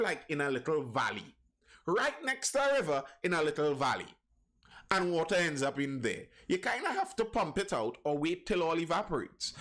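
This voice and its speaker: A man from Trinidad runs a loose, talkative live stream, going off on tangents and reading out viewers' comments with many false starts. His voice is a little high and fairly bright.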